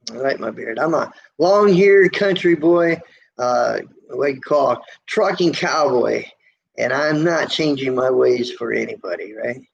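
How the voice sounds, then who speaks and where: A gravelly, squeaky-voiced American man streams from a motel room, talking a little slowly as he reads viewer comments in casual live chat. The trucker rambles in a folksy manner, full of fillers and restarts, and the lo-fi stream audio has faint noise.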